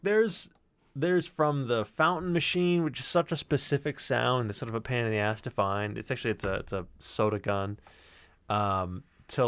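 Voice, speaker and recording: In a dry recording, a man with a clear, resonant mid-range voice presents his sound design work in a casual, rambling walkthrough, explaining as he goes and swearing now and then.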